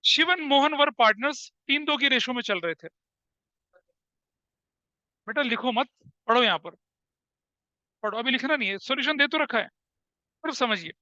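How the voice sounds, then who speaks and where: A man's voice: extremely high pitch, lively intonation, normal speed, pauses often, bright, forceful tone, no echo, dull audio. A man in his forties teaching an accountancy class. He keeps questioning his students, repeats his points, and calls them "beta". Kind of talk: classroom lecture mixing Hindi and English.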